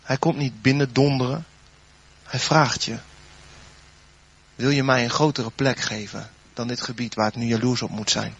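A man preaching a sermon, then leading a spoken prayer, his voice swelling loud and dropping soft. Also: medium pitch, fairly even intonation, normal speed, gravelly, long pauses, breathy edge, highs cut off.

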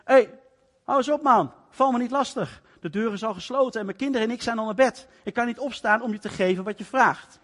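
A man's voice: very high-pitched, brisk, a bit bright, long reverb tail, voice pushed up. A preacher acting out a grumpy, sleepy man woken in his bed, brushing off a caller with irritation. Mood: annoyed.

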